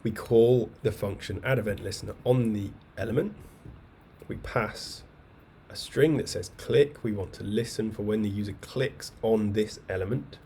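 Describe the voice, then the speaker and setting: A man with a lowish, mellow voice gives a live coding lesson over a video call from home. He explains step by step in a relaxed, chatty way, with a faint hiss of noise behind him. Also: moderate pace. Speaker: coding bootcamp instructor. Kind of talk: live online coding lecture. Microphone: webcam video call mic.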